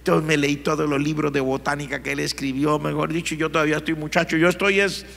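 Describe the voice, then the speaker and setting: A man's voice: a little high, level tone, quick pace, gravelly, fairly bright tone, big-room sound. A male pastor voicing an arrogant young king who brags about himself. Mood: boasting. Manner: bragging, self-satisfied.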